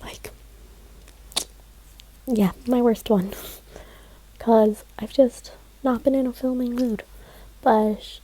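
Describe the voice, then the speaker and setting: This young book vlogger's voice is a little high, her intonation fairly even, and she talks slowly, pausing often. The recording is low quality as she rambles chattily through her week of reading with many "like" fillers and soft laughs.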